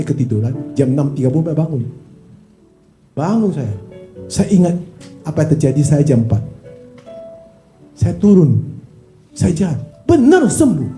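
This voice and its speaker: A man preaching as a pastor, telling his testimony in an animated, casual way, with slangy speech. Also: on the high side. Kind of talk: testimony sermon. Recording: echoey hall, faint instrument music.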